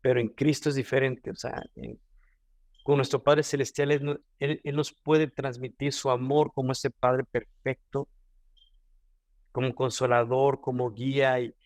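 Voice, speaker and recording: A man's voice: medium pitch, level tone, measured pace, darkish tone, no room sound. A man with a Mexican Spanish accent giving an earnest devotional teaching, often repeating and restarting phrases. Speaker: devotional speaker.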